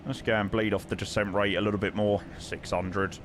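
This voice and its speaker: A man's voice: lowish voice, flat delivery, a little fast. A British man on a casual livestream, playing an airline pilot and switching between chat and radio calls. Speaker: streamer playing airline pilot in a flight simulator. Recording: clear vehicle engine noise behind voice.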